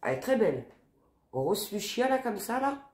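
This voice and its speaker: A woman's voice: medium pitch, very animated, moderate pace. A woman in her forties chatting casually as a beauty vlogger, with a nasal, stuffed-up smoker's voice that sounds tired. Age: 40s. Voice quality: nasal, congested; smoker's voice, not soft. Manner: chatty, informal, tags sentences with quoi and hein. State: blocked nose, tired. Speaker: beauty box unboxing vlogger. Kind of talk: casual chat to camera. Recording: echoey, roomy sound.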